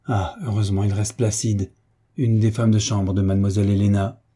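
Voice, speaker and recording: A man's voice: lowish voice, flat delivery, a little fast, mellow, breathy edge. A man voicing a frightened young orphan heiress, with an anxious, pleading manner.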